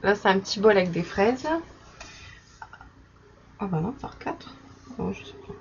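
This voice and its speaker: A young woman casually chatting in her vlog while showing stickers she bought, with many fillers and soft laughs. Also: medium pitch, measured pace, gravelly. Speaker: vlogger. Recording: slightly dull recording with faint background noise.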